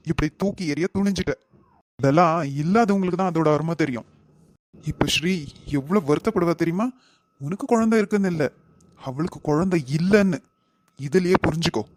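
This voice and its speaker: A protective, earnest uncle, voiced by a man in an animated family story. He talks in a slightly high voice, recorded dry and close, with a Kanyakumari Tamil accent, lecturing firmly but with care. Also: a little fast, dry recording, lightly acted. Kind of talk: animated family drama voice acting.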